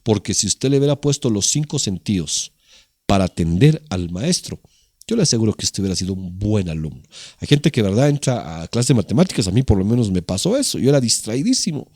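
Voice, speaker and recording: Animated preaching pastor, lively voice. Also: male voice, fairly low pitch, brisk, no room sound, clean studio sound. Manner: animated preaching with rhetorical questions and acted-out quotes. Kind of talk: sermon.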